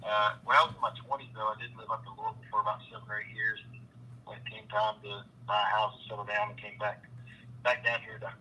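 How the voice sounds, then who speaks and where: A man, chatting casually as a guest on a live stream, rambling and halting with many fillers and restarts. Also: lowish voice, level tone, pushed and bright, dull audio, a little hiss or hum. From Kentucky, USA. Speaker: guest, car salesman and card collector.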